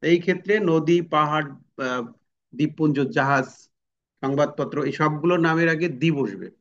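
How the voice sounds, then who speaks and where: A man's voice: fairly high pitch, normal speed. Man teaching grammar, lo-fi sound. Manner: explains step by step, repeats examples, asks the class questions. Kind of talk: exam-prep grammar lesson.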